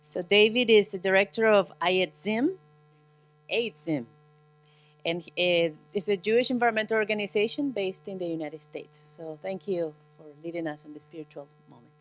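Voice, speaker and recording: A woman's voice: medium pitch, moderate pace. Woman introducing the next speaker. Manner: brief, hesitant introduction with fillers. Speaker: conference moderator.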